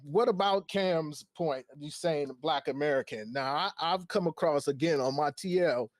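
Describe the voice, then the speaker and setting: A man's voice: on the high side, normal speed, no room sound. A man hosting a casual podcast chat, thinking aloud and putting questions to his co-hosts. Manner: conversational, thinks aloud with restarts. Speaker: podcast host.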